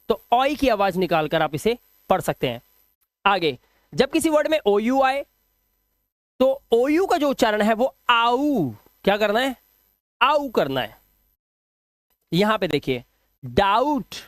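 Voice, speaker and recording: A man teaching English pronunciation rules step by step. He stretches each example word out slowly, repeats it, and keeps checking that the listener follows. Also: sits high, fairly bright tone, no room sound, studio quality. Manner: patient, step-by-step explaining with frequent checks.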